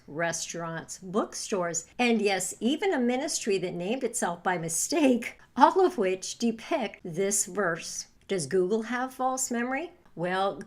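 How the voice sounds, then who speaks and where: A woman narrating from a script with rhetorical questions, in a sardonic, teasing manner. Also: mid-range voice.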